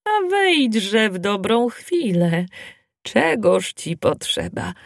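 Slow-spoken wise old spinning granny, played by a woman reader, dry close sound, storybook. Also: medium pitch, sing-song, creaky, no room sound, pitched above the performer's own voice, full character voice. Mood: calm, insistent. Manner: slow drawn-out speech.

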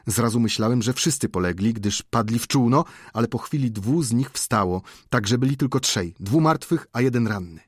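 A man reading an adventure novel aloud as an audiobook narrator, in a measured, dramatic storytelling manner. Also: medium pitch, animated, slightly rough, dry recording, studio quality.

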